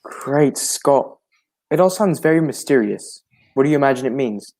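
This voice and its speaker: A man playing a genial older gentleman doctor in a 1940s-style radio drama, speaking in a hospitable, old-fashioned storytelling manner. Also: medium pitch, lively intonation, moderate pace, close to an everyday voice. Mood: puzzled.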